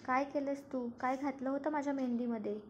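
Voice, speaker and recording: A woman's voice: high voice, steady tone, brisk, natural voice. A woman voicing an angry, accusing young bride in a spoken serial recap, in a slightly muffled recording with faint noise.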